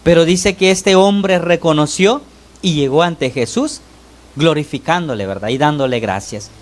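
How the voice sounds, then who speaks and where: A man preaching a sermon to his congregation, often pausing to call on the brothers and ask "¿verdad?", his voice rising and falling sharply between phrases. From El Salvador. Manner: pitch and loudness swing widely between phrases. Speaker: lay preacher.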